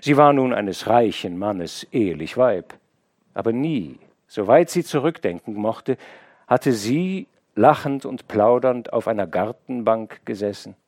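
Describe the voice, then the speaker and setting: A man reading a classic novel aloud as an audiobook narrator, in a measured, expressive storytelling manner. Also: no echo, studio quality. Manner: measured, expressive storytelling with wide pitch movement. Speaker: audiobook reader. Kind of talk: scripted literary narration.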